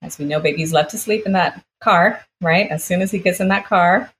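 As an interview guest, a Brazilian-born woman from the United States recounts a personal experience conversationally, slipping into quoted dialogue as she retells it. Her low voice is brisk and a bit bright, and the recording has faint background ambience plus a little hiss or hum.

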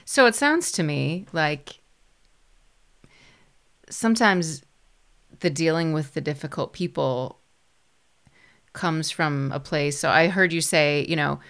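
A woman's voice: deep voice, lively intonation, slow, long pauses, a bit bright, clear, resonant tone. A woman hosting a conversational interview, reflecting back what her guest says. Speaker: interviewer, show host.

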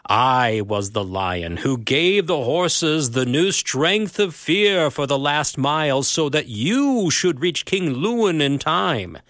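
A man voicing a vast, deep-voiced lion, calm and ancient, speaking slowly and gravely. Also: no echo, studio quality, heavily acted. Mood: solemn. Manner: slow, grave and low.

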